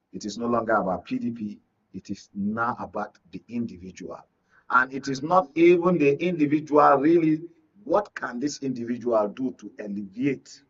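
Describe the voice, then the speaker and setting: Picked up by a distant mic on dull lo-fi audio, this Nigerian man speaks forcefully as a studio guest, repeating phrases rhetorically in his political commentary. He's a media analyst with a mid-range, fairly bright and breathy voice.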